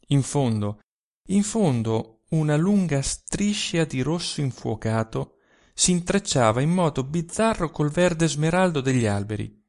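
Slow, expressive male audiobook narrator. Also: medium pitch. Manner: slow, expressive literary reading. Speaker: volunteer audiobook reader. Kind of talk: audiobook narration of a short story.

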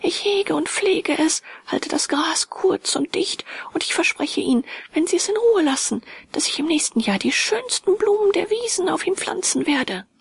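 A woman's voice: very high voice, animated, normal speed, vocal fry, hardly any pauses, voice pushed up, exaggerated voice. Woman doing a sobbing little boy, whispered role-play. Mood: tearful pleading. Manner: sobbing, begging. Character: frightened little boy, grief-stricken and pleading.

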